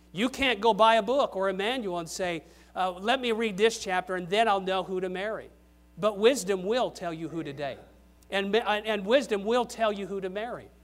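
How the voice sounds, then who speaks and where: Older man preaching, high voice, emphatic rises and soft drops, grandfatherly pulpit style. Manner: emphatic, rising on key questions then dropping low. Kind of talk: sermon.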